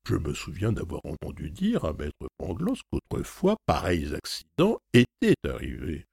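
A man's voice: sits low, wildly swooping pitch, normal speed, creaky, a little mellow, slightly rough, dry recording, studio quality, exaggerated voice. A man doing a naive, astonished young hero. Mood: dismayed.

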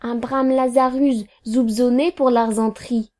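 A woman voicing a nervous man who begs a lawyer in slow, fawning pleas. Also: on the high side, fairly even intonation, warm tone, lightly acted. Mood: pleading.

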